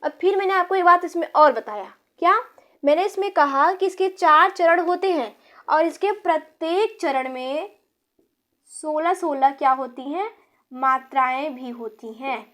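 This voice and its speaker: A woman teaching Hindi grammar, explaining step by step, often asking quick check-in questions and counting aloud. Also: high-pitched, fairly bright tone. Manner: repeats points, self-corrects. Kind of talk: classroom-style explanation.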